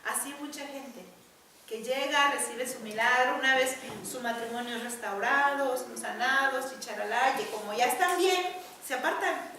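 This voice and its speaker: A woman preaching, her voice high and bright. She speaks emphatically, repeating words and addressing the congregation directly. The sound rings through a large echoey church hall, picked up from well away from the mic. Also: normal speed, recorded from a distance. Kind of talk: sermon.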